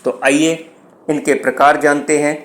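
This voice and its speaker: A man teaching poetry, reading each English phrase slowly and then explaining it in Hindi, with an Indian English accent. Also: fairly high pitch, level tone. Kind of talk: slow bilingual lecture.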